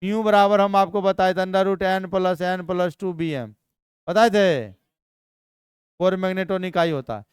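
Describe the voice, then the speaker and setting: A man teaching chemistry in a live class, energetic and constantly quizzing his students. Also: high voice, unhurried, smooth, no room sound, clean studio sound.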